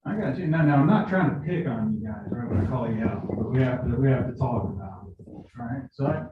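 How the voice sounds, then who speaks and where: A man's voice: mid-range voice, a little fast, heavy reverb, recorded from a distance, phone-quality sound, background noise. A man questioning potential jurors in a conversational, explaining way, often repeating his words. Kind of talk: jury selection questioning. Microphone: video call.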